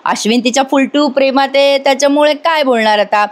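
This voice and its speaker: A woman's voice: high voice, fast talker. A woman with a Marathi accent narrating a chatty voice-over recap of a TV serial, commenting as she retells scenes.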